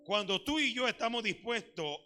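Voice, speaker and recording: A man's voice: very high voice, lively intonation, moderate pace, bright, forceful tone, soft background music. A male pastor preaching a Sunday sermon in church, emphatic and repetitive, often asking the congregation questions. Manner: emphatic preaching, repeated phrases. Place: church service.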